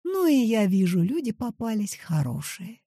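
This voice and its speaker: A woman voicing a lively, proud old grandmother who tells stories with playful boasting. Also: medium pitch, moderate pace, no echo, clean studio sound.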